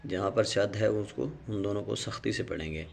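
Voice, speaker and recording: Male Quran tutor, lowish voice, brisk explanations and slow, stretched syllable drills. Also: vocal fry, a little mellow. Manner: explains rules quickly, then recites syllables slowly and drawn out. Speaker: Quran recitation teacher. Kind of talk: Noorani Qaida reading lesson.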